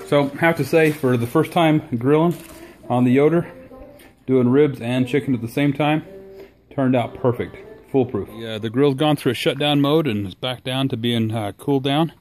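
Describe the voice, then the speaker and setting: A man talking casually to the camera about his cooking at home outdoors, relaxed and enthusiastic, with frequent fillers. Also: medium pitch, normal speed, soft background music. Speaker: home cook reviewing his new smoker.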